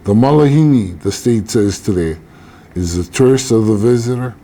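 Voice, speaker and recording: Calm low-voiced elder man. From Hawaii. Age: older. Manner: slow, measured, with deliberate pauses. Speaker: Hawaiian elder teacher. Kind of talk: spoken teaching on tradition.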